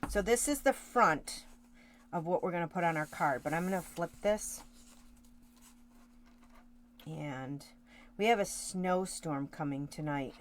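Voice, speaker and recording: A woman's voice: fairly low pitch, animated, unhurried, long pauses, slight background noise. A woman hosting a card-making tutorial, chatting casually with live viewers while she works, with rambling asides and self-corrections. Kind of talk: casual craft demonstration.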